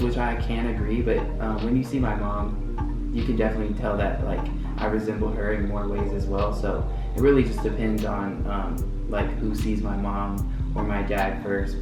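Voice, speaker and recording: A man in his twenties answering viewer questions in a casual, open, chatty vlog. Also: lowish voice. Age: 20s. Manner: chatty and open, loose filler-heavy talk. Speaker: vlogger. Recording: roomy echo from a distance, with music.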